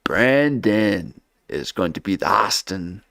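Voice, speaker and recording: A man's voice: lowish voice, expressive, takes it slowly, gravelly, a bit bright, no room sound, studio quality. A man hosting a casual reaction livestream, rambling loosely and tagging nearly every phrase with "okay?".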